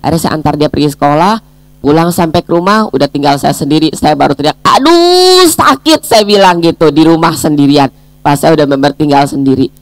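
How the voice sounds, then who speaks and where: A woman's voice: low-pitched, fairly even intonation, fast talker, no room sound. A woman leading a daily devotional, praying earnestly and then telling a personal testimony to her listeners. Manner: storytelling, addresses listeners as brothers and sisters; prays in a gentle, earnest tone. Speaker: devotional speaker.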